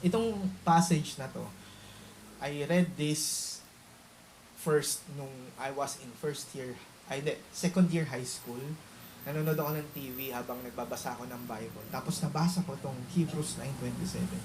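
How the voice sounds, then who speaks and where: A woman's voice: a bass voice, normal speed, darkish tone, a little hiss or hum, low-quality recording. A woman preaching a sermon in mixed Tagalog and English. She speaks emphatically and keeps asking the congregation to agree. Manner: emphatic, often asks the audience to confirm. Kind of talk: Taglish sermon.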